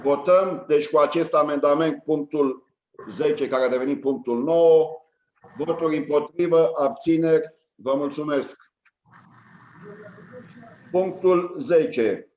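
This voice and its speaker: A man chairing a county council meeting, reading out agenda items and calling votes in a brisk, routine way. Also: on the high side, a little mellow, low-quality recording. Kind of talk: formal procedural chairing.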